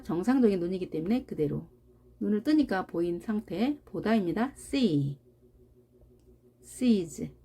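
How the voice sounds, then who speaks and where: Slow, mellow woman teaching grammar. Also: medium pitch, breathy edge. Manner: slow, deliberate, repeats example words for drilling; explains patiently with rhetorical questions. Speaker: English teacher. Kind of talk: grammar lesson.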